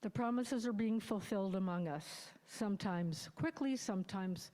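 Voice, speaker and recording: A woman's voice: medium pitch, moderate pace, warm tone. A woman around sixty, sharing her own recovery story in a sermon in a candid, reflective and wry way. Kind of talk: personal testimony in a sermon. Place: church sanctuary. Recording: long hall reverb.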